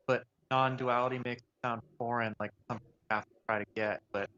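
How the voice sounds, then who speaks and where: A man calling in on speakerphone, speaking thoughtfully and haltingly as he searches for his words. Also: medium pitch, little pitch movement, sharp tone, no room sound. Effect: speakerphone call. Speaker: caller. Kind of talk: casual call-in conversation. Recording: muffled speakerphone line with faint hiss, cutting out.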